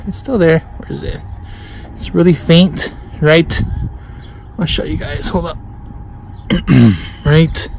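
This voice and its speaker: A man vlogging outdoors on his phone at work, out of breath from loading hay, talking in a loose, excited way and swearing casually. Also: fairly high pitch, a little hiss or hum, poor audio. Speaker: vlogger filming the sky.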